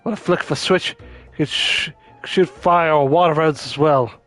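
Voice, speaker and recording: A man's voice: fairly high pitch, moderate pace, a bit bright, lightly acted. A man voicing a confident male gunslinger from a game, offhand and boastful.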